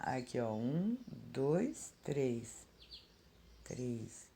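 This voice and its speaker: A woman teacher with a Brazilian Portuguese accent explaining grammar to children in a slow, patient way, recorded on a phone at home. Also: very deep voice, sing-song, creaky, dark tone, a little hiss or hum. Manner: slow, patient and explanatory, calling out words aloud. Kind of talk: remote grammar lesson for children.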